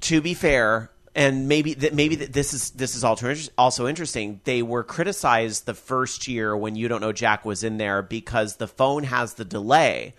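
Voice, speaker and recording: A man hosting a gaming podcast, chatting casually in an enthusiastic, opinionated way and reacting quickly. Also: medium pitch, a bit bright. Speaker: podcast host. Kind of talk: casual chat.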